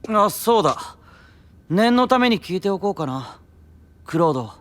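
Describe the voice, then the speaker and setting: In an anime-style fantasy audio drama, a high, animated voice plays a sly young male knight mage who taunts and interrogates relentlessly. His mood is cool and pointed, and his playful needling at a normal speed turns forceful and commanding.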